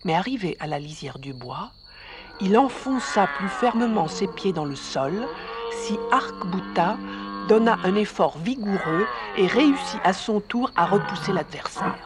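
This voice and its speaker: Measured radio storyteller. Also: mid-range voice, expressive, over loud music. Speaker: narrator.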